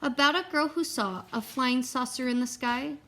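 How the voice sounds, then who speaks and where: Reading a children's picture book at a moderate pace, this storyteller and read-aloud teacher uses a slightly high, expressive voice suited to young listeners. She pauses to offer simple explanations along the way.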